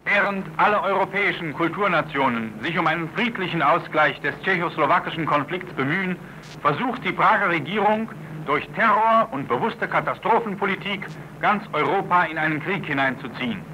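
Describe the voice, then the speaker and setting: A man's voice: fairly high pitch, brisk, sharp tone, slight background noise, poor audio. A man narrating a 1930s German propaganda newsreel in a strident, declamatory manner on an old soundtrack. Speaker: newsreel announcer.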